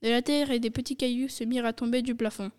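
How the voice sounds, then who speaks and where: A woman's voice: fairly high pitch, fairly even intonation, fast, a little mellow, clean tone. A woman reading a storybook aloud, taking turns with another reader.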